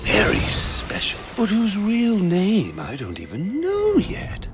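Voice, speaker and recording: Manic clown villain, game role. Slow, theatrical, huge pitch swings, giddy menace, heavy music behind. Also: male voice, wildly swooping pitch, full character voice. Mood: giddy, insinuating. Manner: theatrical, erratic, breaking into cackles. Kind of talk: theatrical video game voice acting. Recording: music under the dialogue. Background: loud dramatic music.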